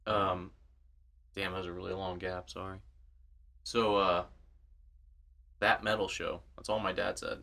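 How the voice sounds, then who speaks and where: A man's voice: sits low, little pitch movement, unhurried, gravelly, pauses often, sharp tone. A young man hosting a podcast, rambling in laid-back casual chat full of fillers. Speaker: podcast host.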